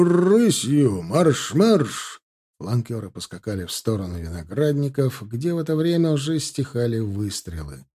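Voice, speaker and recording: Male audiobook narrator, steady storytelling, mellow dark tone. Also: medium pitch. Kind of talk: scripted narration.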